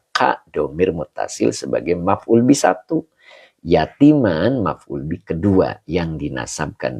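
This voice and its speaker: A man's voice: extremely low pitch, creaky, dark tone, husky. A man teaching an online lesson on Quran exegesis and Arabic grammar, greeting viewers by name between points. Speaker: religious teacher.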